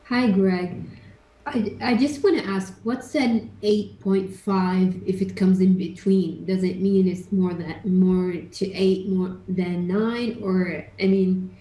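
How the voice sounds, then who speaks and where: A woman's voice: medium pitch, steady tone, takes it slowly, dark tone. A woman at home asking her teacher a question in an online class, hesitant and searching for words. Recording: echoey room with faint background noise.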